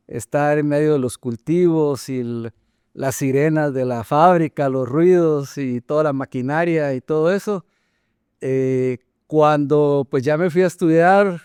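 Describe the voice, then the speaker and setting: An older man from Colombia with a Colombian accent, a company general manager answering interview questions thoughtfully, often pausing and repeating words. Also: on the high side, a little mellow, clear, resonant tone, dry recording, clean studio sound. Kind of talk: conversational interview.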